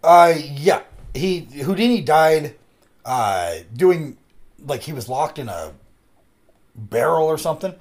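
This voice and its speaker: A man's voice: fairly high pitch, slow pace, pauses often. A man hosting a podcast, talking casually with a rambling, filler-filled delivery. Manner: rambling, filler-heavy, animated. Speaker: podcast host. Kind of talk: casual chat.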